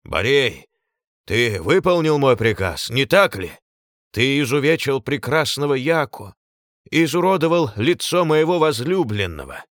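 A man's voice: fairly low pitch, lively intonation, unhurried, bright, forceful tone, no room sound, clean studio sound. A man reading an audiobook and voicing a feverish, self-pitying, tyrannical fat lord who raves between grief and fury. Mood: furious. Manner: raving, swinging from pleading to screaming.

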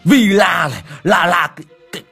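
A man voicing a stingy, hot-tempered old coal porter who shouts, curses and stammers. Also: sits low, expressive, normal speed, breathy edge, soft background music, heavily acted. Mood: furious.

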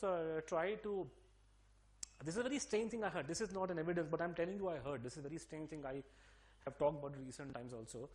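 A middle-aged man with a Delhi accent explains things interview-style in a rapid, emphatic, quick-fire way, full of fillers and restarts. His voice is higher-pitched and a little mellow.

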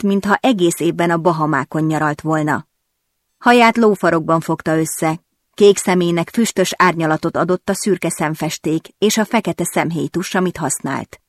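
A woman reading a romance novel aloud in the first person, her voice set low and steady. The recording is close and completely dry, with no room sound. She tells the story with expressive but even pacing. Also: no echo. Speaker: audiobook narrator. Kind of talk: first-person audiobook narration.

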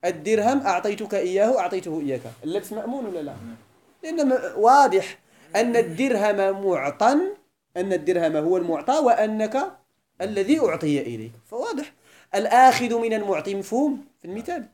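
A man with a Moroccan accent teaches Arabic grammar as an Islamic scholar, in a high, darkish voice with big pitch swings and a slightly fast pace. Mixing classical Arabic with Moroccan dialect, he often pauses to make sure the class follows.

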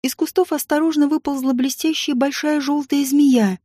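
Woman narrator, storybook reading, calm, high voice, mellow tone, close and dry. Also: moderate pace, no room sound.

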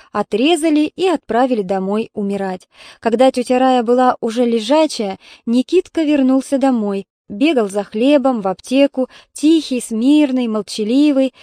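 Woman reading a sad story aloud, calm and measured, dry close mic. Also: fairly high pitch, no echo. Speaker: audiobook narrator. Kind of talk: scripted narration.

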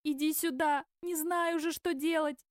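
Woman reading as tearful young barmaid, high and pleading, exclaiming in despair. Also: normal speed, darkish tone, dry recording, studio quality, lightly acted. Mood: distraught.

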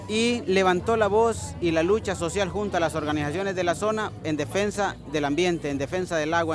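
A man from Honduras, an environmental activist, giving a deliberate, speech-like interview outdoors. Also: fairly high pitch. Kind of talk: field interview answer. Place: outdoors at a gathering. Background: music playing nearby.

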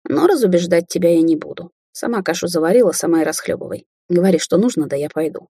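A woman's voice: fairly low pitch, lively intonation, fast talker, dark tone, breathy edge, no room sound, clean studio sound. A woman doing a grumbling middle-aged sorceress. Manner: grumbling, defensive. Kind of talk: audiobook character voicing.

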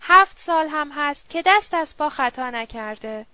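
A woman's voice: high voice, animated, no echo, muffled recording. A woman voicing a stern, guarded young man who speaks in curt, firm refusals. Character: stern young male Zoroastrian, guarded and protective.

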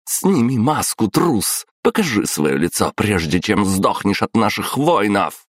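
A man doing a shrill, frantic empress. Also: little pitch movement, slow pace, darkish tone, slightly rough, no room sound, studio quality, full character voice. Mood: furious. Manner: shrieking, pleading, near-hysterical. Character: enraged, desperate empress, middle-aged woman.

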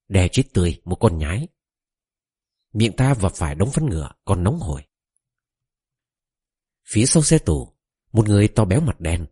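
A man's voice: sits low, warm tone, breathy edge, dry recording, clean studio sound. A man reading a novel aloud in the first person, telling the story expressively and giving the quoted characters their own voices. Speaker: audiobook narrator.

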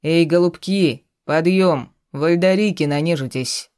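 A brash male companion booms his words, voiced by an audiobook reader. He sounds loud and teasing. The tone is mellow and dry. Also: measured pace, no echo, natural voice. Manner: booming, brash.

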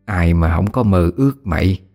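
A man's voice: low voice, creaky, mellow, soft background music. Man playing a crafty old crone spirit. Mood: sly. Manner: slow, aged, later whimpering pleas.

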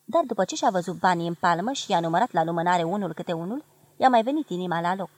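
A woman from Romania giving a measured, expressive literary reading of a memoir. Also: fairly low pitch, no echo. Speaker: reader of a memoir.

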